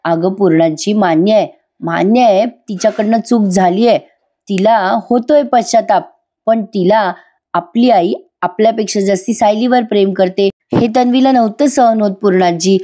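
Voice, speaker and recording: A woman's voice: medium pitch, normal speed, warm tone, close to an everyday voice. A woman voicing a young man pleading on his wife's behalf.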